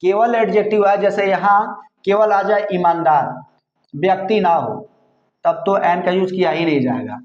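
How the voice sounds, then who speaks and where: A man teaching English grammar in Hindi, explaining slowly and repeating himself, spelling words out letter by letter. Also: sits high. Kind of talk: Hindi-language grammar lesson. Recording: echoey room, slightly dull sound.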